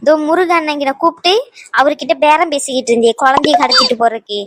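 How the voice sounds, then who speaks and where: A woman's voice: sits high, fast talker, noisy background, close to an everyday voice. A woman voicing a tough, scornful young wife in a cartoon, mocking and bossy. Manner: mocking, contemptuous.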